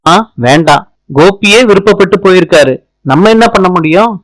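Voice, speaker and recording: A man's voice: high-pitched, normal speed, no room sound, voice pushed up, lightly acted, poor audio. A man reading the lines of a hurt young wife who sounds subdued and resigned. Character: hurt young wife holding back tears.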